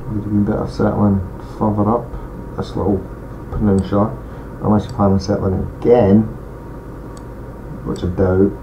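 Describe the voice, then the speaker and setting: This gaming channel host speaks at a moderate pace in a voice on the low side, with a regional accent he says some listeners may not follow. He casually muses through his strategy game moves in let's play commentary with mumbled asides. Everything is captured by a dull lo-fi home mic with loud hiss.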